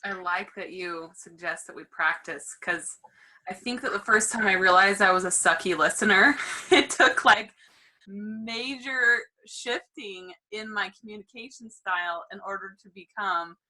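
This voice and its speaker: A woman's voice: medium pitch, measured pace, pushed and bright, low-quality recording. A woman hosting a casual chat, talking in a candid, enthusiastic way. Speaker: host.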